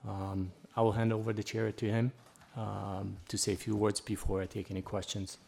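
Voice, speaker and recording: A male police sergeant giving a formal report at a council meeting, with a halting, hesitant delivery. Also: on the low side, little pitch movement, creaky, dark tone.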